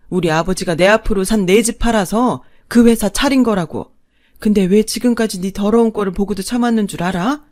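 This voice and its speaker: Woman doing an older mother-in-law who's had enough, loud and scolding. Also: mid-range voice, natural voice. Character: older mother-in-law woman, long-suffering turned defiant.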